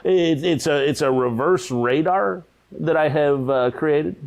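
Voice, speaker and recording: An actor playing a rambling, hesitant male huckster who sells ghost-hunting gadgets, speaking in a deadpan mockumentary interview. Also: a little high, measured pace. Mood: earnest. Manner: rambling, hesitant, full of uh's. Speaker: paranormal gadget seller being interviewed.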